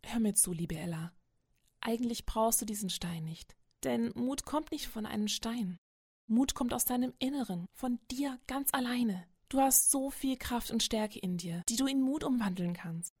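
Brief: soothing storybook mum, calm and unhurried, read by a woman, dry. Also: a little high, husky, dry recording. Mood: reassuring. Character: gentle comforting mother.

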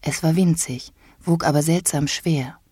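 A woman narrating a storybook in a whispered role-play, soft and breathy, partly whispered. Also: sits low, dry recording, clean studio sound. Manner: soft, slow storybook reading.

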